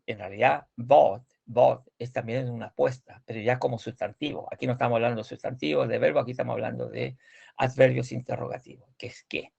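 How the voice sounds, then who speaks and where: A man teaching a language class, slowly explaining pronunciation, repeating words and correcting his students. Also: medium pitch, vocal fry, a little mellow. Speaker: Swedish teacher.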